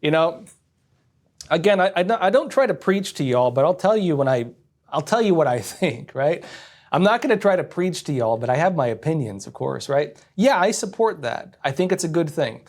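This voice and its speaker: A man's voice: a little high, very animated, moderate pace. Opinionated man hosting a livestream. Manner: opinionated, candid, talks straight to viewers. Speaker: livestream host. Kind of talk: casual political commentary to a live chat.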